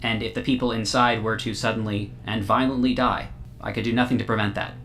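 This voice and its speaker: A man voicing a small, glowing male AI construct that speaks in a calm, formal, overly literal way. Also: fairly low pitch, quick pace, a little hiss or hum, lightly acted. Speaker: game master. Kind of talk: tabletop game role-play.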